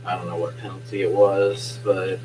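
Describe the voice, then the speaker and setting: At home at night, a young live streamer gives casual sports play-by-play in a hoarse, fading voice, since he's losing it. He stays low and hushed, with a level tone, a moderate pace, and a lowish pitch. A faint hum runs beneath the home recording.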